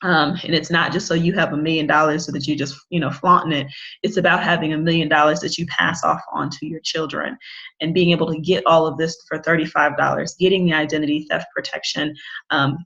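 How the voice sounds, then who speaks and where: A woman's voice: sits low, gravelly, a bit bright, dull audio. A woman in her thirties hosting an online business orientation meeting, talking in an upbeat, promotional way. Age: 30s. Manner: upbeat, promotional, spells out contact details slowly. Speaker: business boot camp host.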